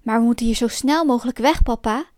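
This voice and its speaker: A woman voicing a small wooden puppet boy in a storybook reading, with a high childlike voice. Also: fast, a little mellow, no echo, clean studio sound, natural voice. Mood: excited.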